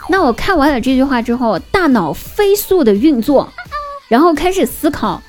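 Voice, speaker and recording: A young woman streamer tells funny anecdotes in a high, girlish, squeaky-sweet voice. Her delivery is playful and exaggerated, like a performed comic monologue. Light music plays behind her. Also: sing-song, moderate pace, darkish tone. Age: young adult. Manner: playful, exaggerated, acts out dialogue. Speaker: online streamer and host telling funny anecdotes.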